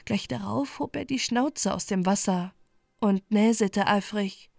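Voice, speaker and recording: A woman reading a fairy tale aloud in a calm, soothing bedtime manner. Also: medium pitch, unhurried, vocal fry, dry recording, faint music behind. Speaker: storyteller.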